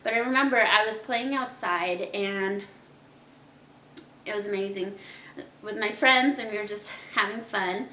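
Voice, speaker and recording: A woman's voice: medium pitch, unhurried, long pauses, pushed and bright, a little hiss or hum. A young woman from Kazakhstan hosting her own podcast, telling her life story in a chatty, candid way and laughing often. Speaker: podcast host. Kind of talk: casual personal storytelling. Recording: echoey room.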